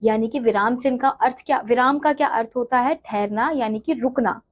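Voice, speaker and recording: A woman's voice: fairly high pitch, brisk. A woman teacher reading from a textbook and then explaining it in her own words, often going back to repeat or correct herself. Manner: self-correcting, repeats phrases.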